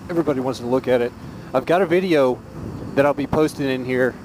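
A man with a medium-pitched voice chats casually from inside a motorcycle helmet. He is vlogging as he rides on a highway, and clear road and vehicle noise runs behind his voice. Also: fast, darkish tone, poor audio. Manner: talking from inside a motorcycle helmet while riding. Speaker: motovlogger. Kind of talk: casual vlog narration while riding. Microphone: mic inside a helmet.

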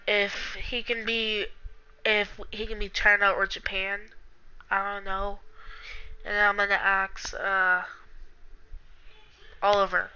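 A woman's voice: medium pitch, pushed and bright, a little hiss or hum, low-quality recording. A woman chatting casually and scatteredly, thinking aloud and giggling, sometimes dropping to a mutter while she checks her phone. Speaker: roleplay fan vlogger. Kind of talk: casual rambling chat.

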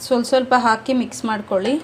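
Female cooking vlogger, brisk and chatty, home kitchen with faint noise. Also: on the high side, steady tone. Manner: chatty, keeps addressing viewers as friends. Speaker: cooking channel host. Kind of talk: step-by-step cooking instructions.

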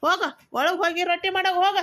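A woman's voice: very high voice, level tone, rapid-fire. A woman with a Belagavi Kannada accent voicing a bossy, scolding middle-aged mother-in-law in a cartoon comedy. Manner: loud, nagging, ordering about.

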